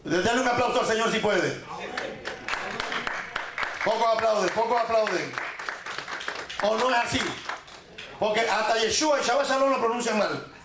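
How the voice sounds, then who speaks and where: A man preaching and teaching a congregation, joking as he corrects pronunciation and drags words out slowly to repeat them. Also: extremely high pitch, reverberant, crowd noise, noisy background. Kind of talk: sermon teaching.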